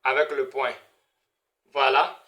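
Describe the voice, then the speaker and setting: Slow and pushed, with a bright mid-range voice that barely moves in pitch, a man drills beginner Arabic sounds one by one, over and over. "Hein?" and "voilà" punctuate his lesson constantly.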